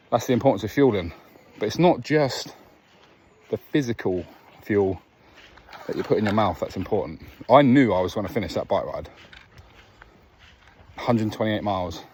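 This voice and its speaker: On an evening walk outside, a male vlogger with a fairly low pitch and darkish tone tells earnest, reflective stories, speaking casually and restarting as he goes. It's a relaxed motivational talk, with faint outdoor ambience and a dog behind him.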